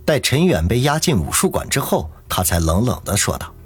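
A man's voice: medium pitch, big pitch swings, a little fast, breathy edge. A man narrating a novel as an audiobook, with dramatic storytelling. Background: faint music.

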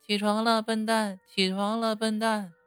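A woman's voice: medium pitch, little pitch movement, unhurried, smooth, dry recording, faint music behind, natural voice. A woman voicing a faint, dreamlike, ghostly voice that seems to drift from far away in a horror story. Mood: teasing. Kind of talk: horror story audio drama.

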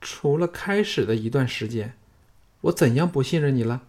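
A man with a husky voice reading a proud, sharp-tongued young noblewoman in an audiobook, with teasing, haughty retorts. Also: mid-range voice, lively intonation, normal speed, close to an everyday voice. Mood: indignant. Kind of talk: audiobook character voice.

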